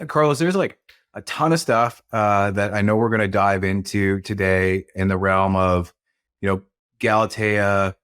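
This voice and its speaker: A man's voice: fairly low pitch, fairly bright tone, dry recording, studio quality. A man hosting a podcast, reading an earnest scripted welcome and then chatting casually with his guest. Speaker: podcast host.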